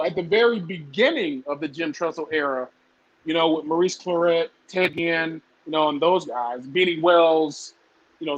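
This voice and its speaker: Thirtysomething southern guy, high-pitched, rambly and laughing, dry close sound. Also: no echo, poor audio. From southern United States. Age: 30s. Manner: rambling, lots of fillers, laughs often. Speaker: guest. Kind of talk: casual podcast chat.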